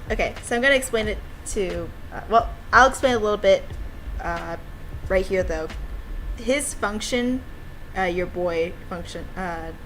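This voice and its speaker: A woman livestreams her own game, chatting casually and reading the game's dialogue aloud in an enthusiastic, giggly, rambling style. Her voice is mid-pitched and a bit bright, and the low-quality recording has a slight hiss or hum.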